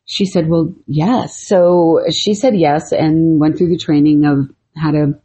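Low, mellow-voiced woman podcast storyteller. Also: measured pace, husky. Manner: chatty, laughs easily, retells friend's story. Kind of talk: casual storytelling chat. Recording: muffled lo-fi podcast audio.

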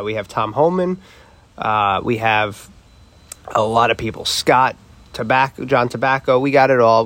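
A man's voice: mid-range voice, fairly bright tone, no echo. A man with a cold and a nasal voice, hosting a podcast introduction in a loose, chatty way. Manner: loose, chatty, many uh fillers. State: has a cold. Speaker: podcast host.

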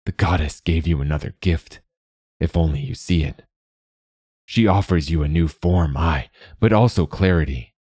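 Deep husky old guide man, fatherly, slow, calls everyone lad, man voicing him. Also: a little mellow, dry recording. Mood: firm. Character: older male island guide, gentle and wise.

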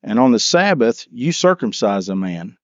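A man's voice: mid-range voice, sing-song, moderate pace, no room sound, lo-fi sound. A man leading a church Bible class, reading scripture and then explaining it, often restarting and repeating words as he asks the class questions.

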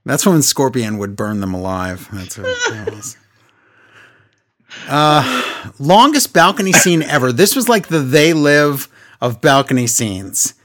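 A middle-aged man co-hosting a podcast, recapping shows in casual chat in an animated, jokey way. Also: mid-range voice, measured pace. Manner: animated, jokey, acts out quotes. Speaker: podcast co-host.

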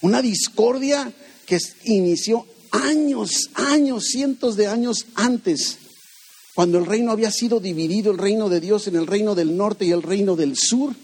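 A man's voice: high-pitched, normal speed, a little mellow, husky. A man preaching a conversational sermon, asking rhetorical questions and acting out the voices he quotes. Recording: long hall reverb.

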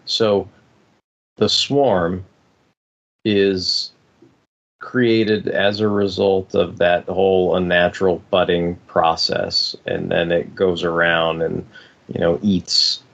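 Low, gravelly man on a podcast. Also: slow. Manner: rambling, circling back to rephrase. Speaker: podcast co-host. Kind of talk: casual fan discussion. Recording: slightly dull, lo-fi podcast audio.

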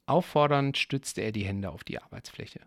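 A man reads a story aloud at a calm, measured pace and breaks off now and then for casual asides to his listeners. His voice is gravelly, with a rough texture low in his speech. The recording is close and dry. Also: dry recording. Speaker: story reader.

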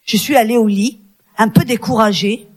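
Female preacher, high voice, fervent sermon delivery with shouted and sung-out peaks. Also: steady tone, normal speed, husky. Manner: addresses a women's audience directly.

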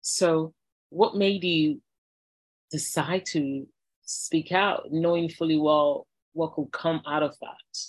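A woman podcast host who asks her guest questions in a measured, encouraging way. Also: low voice, fairly even intonation, no echo, rough recording. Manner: measured and encouraging, laughs easily. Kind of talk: interview questions.

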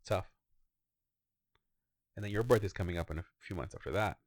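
A man in his thirties co-hosts a casual podcast, rambling in an easygoing way and swearing now and then. His voice sits low and moves briskly. The recording is dry and studio quality.

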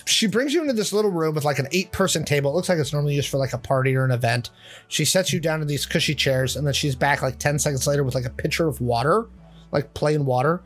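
Young male game master, casual filler-heavy narration, somewhat high voice. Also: fast talker.

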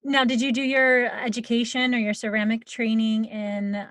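A woman's voice: fairly high pitch, little pitch movement, normal speed, dry recording. A woman hosting a podcast for teachers and interviewing a guest in a conversational way. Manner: warm conversational questioning with fillers. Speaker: podcast host.

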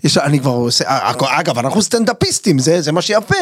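A middle-aged man, a stand-up comedian, tells stories in a casual interview. His voice sits high and swoops widely as he acts out the people in his anecdotes. The sound is close and dry. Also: breathy edge, no room sound. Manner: animated storyteller, jumps into high voices for quoted people. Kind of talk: casual chat, acting out stage anecdotes.

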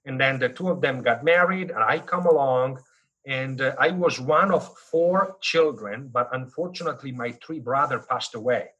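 A man in his fifties from northern Italy with an Italian accent, telling stories as an interview guest in an animated, joking way with many fillers. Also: mid-range voice, moderate pace, breathy edge, muffled recording. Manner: animated, jokey storyteller with frequent fillers. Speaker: guest, business school dean. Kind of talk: casual interview storytelling.

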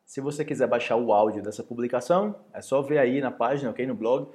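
A Brazilian man with a Brazilian Portuguese accent, teaching language in a casual podcast lesson and acting out lively example phrases. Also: medium pitch, fast.

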